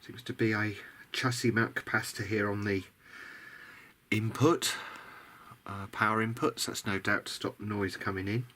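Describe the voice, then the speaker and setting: Working at his bench, a man offers casual, off-the-cuff remarks in the manner of a hobbyist's video diary, thinking aloud in a tentative, musing way. His fairly low voice is steady, pushed and bright, at a moderate pace. There's noticeable noise behind him.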